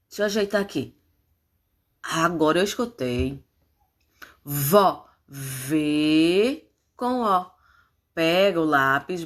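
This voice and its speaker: A woman teacher leading a phonics lesson for young children, stretching out syllables and coaxing them to answer. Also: lowish voice. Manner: slow, drawn-out syllables, animated coaxing.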